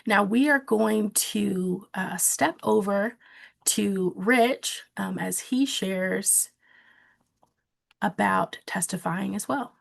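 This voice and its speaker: A woman presenting a training session, giving calm, practical coaching on how to testify. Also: mid-range voice, slow pace, vocal fry. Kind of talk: instructional webinar talk.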